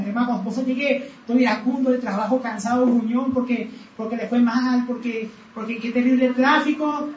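Earnest male preacher, rhetorical questions, slow measured scripture reading; roomy, lo-fi recording with faint background noise. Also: extremely high pitch, a little mellow. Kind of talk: sermon. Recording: roomy, distant, dull sound with faint background.

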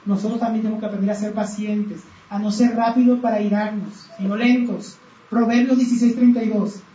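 A man preaching a sermon earnestly, asking rhetorical questions and slowing down to read scripture aloud. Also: high-pitched, steady tone, warm tone. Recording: roomy, distant, dull sound with faint background.

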